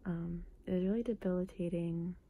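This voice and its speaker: A soft-spoken woman doing casual ASMR talk in a dark, relaxed, slightly low voice. Her delivery is hushed and breathy, with plenty of creaky vocal fry. She often drops into a whisper as she chats. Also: normal speed. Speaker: ASMR content creator.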